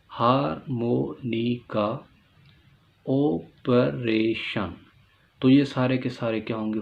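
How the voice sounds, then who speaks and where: Urdu-speaking male English teacher, gravelly voice, slow and deliberate, lo-fi recording. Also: mid-range voice. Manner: slow, drawn-out word pronunciation with repeated rhetorical questions. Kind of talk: classroom-style explanation.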